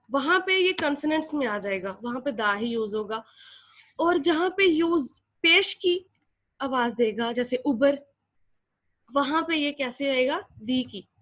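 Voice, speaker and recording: Slow, high-voiced Pakistani woman teacher. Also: a bit bright. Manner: slow, explains word by word, switches between Urdu and English. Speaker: English teacher. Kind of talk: classroom lecture.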